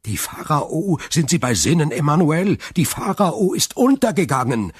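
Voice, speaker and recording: A man voicing a desperate older shipowner father who speaks in a hurried, pleading way. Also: fairly low pitch, husky, no echo, studio quality. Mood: disbelieving. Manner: hurried, pleading, rising in distress.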